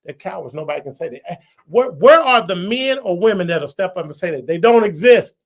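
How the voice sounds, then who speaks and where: High-voiced man in a heated rant. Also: very animated, fairly quick. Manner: heated, insulting, repetitive tirade; swings from low mutters to loud shouts. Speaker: podcast host. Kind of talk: political rant.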